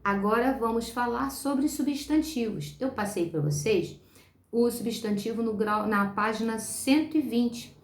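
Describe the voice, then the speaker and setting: A Brazilian woman teaching young children online, speaking slowly and patiently and repeating words for them. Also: fairly high pitch, roomy sound. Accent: Brazilian Portuguese. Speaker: primary school teacher.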